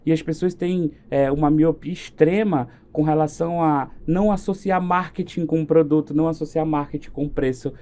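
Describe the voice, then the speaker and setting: A man with a Brazilian accent, a marketing specialist chatting casually on a podcast, animated and acting out quoted exchanges. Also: on the high side, moderate pace, few pauses. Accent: Brazilian Portuguese.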